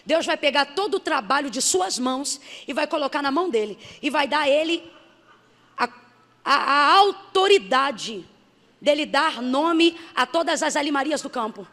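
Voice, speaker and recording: A woman missionary preaching a sermon with emphasis, building to shouts. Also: sits high, expressive, normal speed. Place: church hall. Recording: hall reverb.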